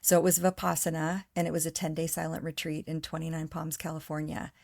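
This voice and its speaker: A woman's voice: low-pitched, completely flat delivery, quick pace, creaky, darkish tone, dry recording, clean studio sound. A woman speaking as a podcast guest, talking earnestly at length in casual conversation. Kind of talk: casual interview chat.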